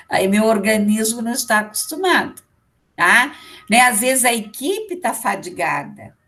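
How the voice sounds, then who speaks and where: A woman's voice: fairly high pitch, very animated, takes it slowly, pauses often, fairly bright tone. Brazilian woman lecturing conversationally. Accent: Brazilian Portuguese. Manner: conversational, with frequent check-in tags to the class. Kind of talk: online lecture.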